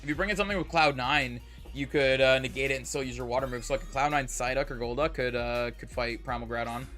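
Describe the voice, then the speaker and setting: A young Canadian man rambles on a live stream, his accent mostly General American with a slight Canadian tinge. His mid-range voice is fast and sharp-toned, full of "like" and "uh," and he hums while playing as faint music plays behind him.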